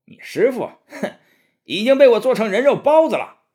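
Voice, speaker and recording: A man's voice: extremely high pitch, big pitch swings, normal speed, mellow, pitched above the performer's own voice. A man voicing a gloating, sneering male demon who mocks his enemies, in a storybook reading. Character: mocking male demon with a blade.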